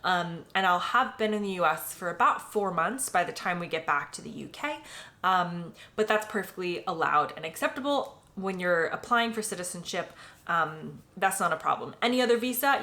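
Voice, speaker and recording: A woman's voice: lowish voice, bright, forceful tone. An American woman in her late twenties, talking casually to the camera in a personal vlog, full of "um" and "like" fillers. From United States. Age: late 20s. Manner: chatty, filler-heavy, often says "like" and "um". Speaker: vlogger.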